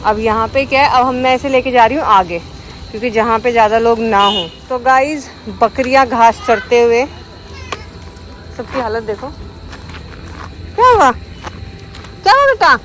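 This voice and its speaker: A woman's voice: on the high side, fairly even intonation, normal speed, a little hiss or hum. A woman chatting casually as a vlogger on an outdoor walk, talking sweetly to her dogs now and then. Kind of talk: casual vlog chat.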